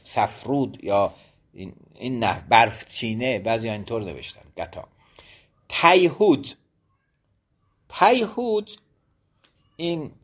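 A man's voice: mid-range voice, husky. A man giving a religious studies lesson. He reads out Arabic legal phrases and explains each one in Persian.

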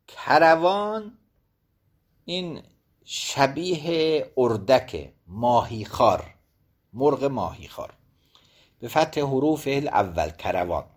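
Lively man teaching from an Arabic text. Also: medium pitch. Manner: reads Arabic phrases, then explains them in Persian. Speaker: religious studies teacher. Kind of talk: line-by-line lesson on an Arabic legal text.

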